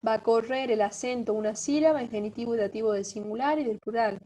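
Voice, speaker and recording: A woman teacher talks through a recorded lesson in a patient, methodical way. Her voice sits a little high, and she keeps checking that her listeners follow along. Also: fast, dark tone, rough recording. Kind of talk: recorded lesson on Greek grammar.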